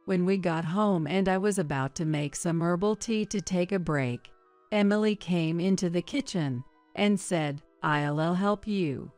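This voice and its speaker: A woman narrating a story in a measured, even way. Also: lowish voice, faint music behind.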